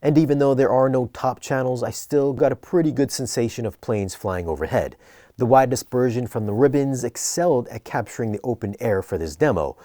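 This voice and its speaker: A man narrating an equipment review in a conversational but scripted, measured, explanatory way. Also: mid-range voice, dark tone, no echo, clean studio sound.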